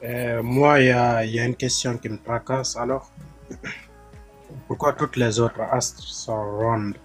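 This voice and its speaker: A man's voice: mid-range voice, fairly even intonation, slow pace, soft background music. Hesitant man asking questions. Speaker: participant in online discussion. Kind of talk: casual online call chat.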